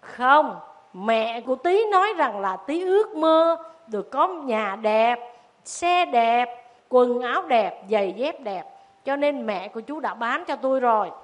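A woman's voice: on the high side, lively intonation, a little slow. A woman doing a bossy rich city lady. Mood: cold explaining. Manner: bossy, curt. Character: stern rich city woman, cold and commanding.

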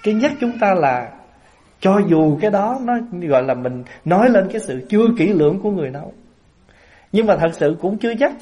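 Animated monk, higher voice. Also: male voice. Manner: lively storyteller, acts out everyday scenes with laughter. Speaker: Buddhist monk giving a Dharma talk. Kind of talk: sermon to a lay assembly.

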